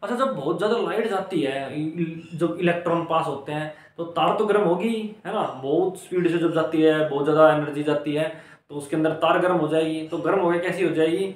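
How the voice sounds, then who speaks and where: A man's voice: fairly high pitch, fairly quick, roomy sound. Chatty young male vocab teacher. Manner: chatty, jokey, asks rhetorical questions. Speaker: vocabulary teacher and channel host. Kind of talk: casual Hindi vocab lesson with memory tricks.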